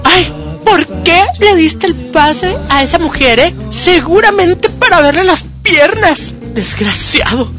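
Woman playing a high-pitched, clingy girlfriend, accusing and shrieking, sketch comedy. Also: lively intonation, slow pace, over music, exaggerated voice. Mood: jealous. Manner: accusing, whiny, shrieking outbursts. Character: jealous, hysterical young girlfriend.

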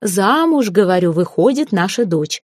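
A woman reading an audiobook, voicing an excited, bossy middle-aged mother who speaks in loud exclamations. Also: lowish voice, normal speed, husky, no room sound, studio quality.

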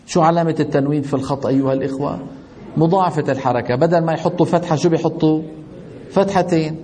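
A man's voice: on the high side, fast talker, mellow, a little hiss or hum. A middle-aged man teaching a tajweed lesson, often putting questions to his students and answering them himself. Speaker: Quran recitation teacher.

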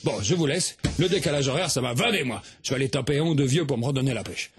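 A man performing a crude, boastful comedy monologue on morning radio, shouting his story in a very husky, gravelly voice. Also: mid-range voice, quick pace. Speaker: comic radio character host.

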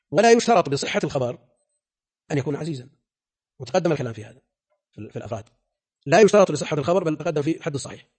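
Older male scholar lecturing on a classical text, husky, very fast, firm. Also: on the high side, a little mellow. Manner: rapid, emphatic, rhetorical questions. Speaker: scholar teaching hadith terminology.

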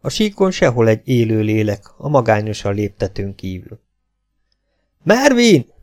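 A man reading a novel aloud as audiobook narration, in an expressive, dramatic way. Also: on the low side. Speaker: audiobook reader.

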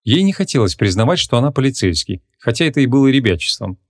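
A man reading a humorous fantasy audiobook as narrator, measured and even. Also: medium pitch. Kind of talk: scripted narration.

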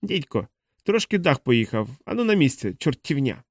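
A man's voice: mid-range voice, very animated, normal speed, dry recording, studio quality. A man voicing a cranky, stubborn ancient great-grandfather who grumbles and mutters curses in an audiobook. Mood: grumbling. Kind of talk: audiobook character voice.

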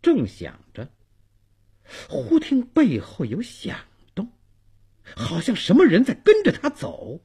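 Husky, slow-paced male storyteller. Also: high-pitched, huge pitch swings, warm tone. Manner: dramatic, slow and swooping delivery. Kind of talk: traditional storytelling narration.

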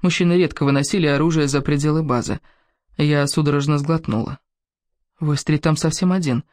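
A man's voice: a little high, steady tone, fairly quick, a little mellow, no echo, studio quality. A man narrating a first-person story in a tense, dramatic reading.

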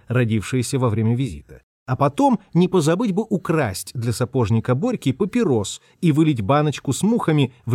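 A man narrating a story in an expressive, dramatic reading. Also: medium pitch, dry recording, clean studio sound.

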